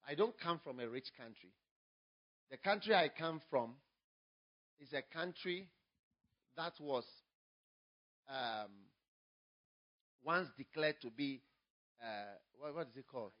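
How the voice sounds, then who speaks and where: A Ghanaian English-speaking pastor, his voice a little high, moves his sermon from soft storytelling toward loud, emphatic preaching. The audio sounds dull.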